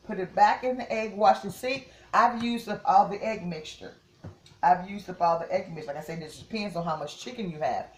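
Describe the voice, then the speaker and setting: A woman's voice: mid-range voice, roomy sound, slight background noise. A woman, chatting casually to viewers as she cooks at home and often repeats "yes, yes" and "okay?". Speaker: home cook. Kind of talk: casual cooking demonstration. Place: home kitchen.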